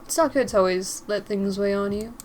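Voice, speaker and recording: A woman voicing a gentle, courteous man in a put-on British accent. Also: medium pitch, slight background noise, close to an everyday voice. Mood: kind. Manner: soft-spoken, courteous, measured.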